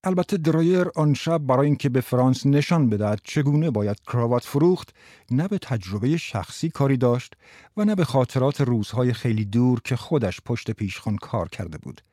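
A man narrates an audiobook at a steady, measured pace, his voice sitting in a mid pitch range for a man. The recording is close and completely dry, with no room sound at all. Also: no room sound.

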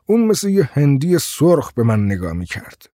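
A man voicing a polite, calm male motorist who speaks evenly and courteously. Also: mid-range voice, dry recording, studio quality, close to an everyday voice.

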